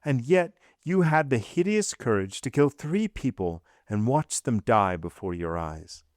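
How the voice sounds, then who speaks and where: A man's voice: fairly low pitch, expressive, measured pace, no echo, studio quality. A man reading aloud, voicing a stern magistrate who questions his wife in a blunt, commanding way. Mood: accusing. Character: cold, stern magistrate husband.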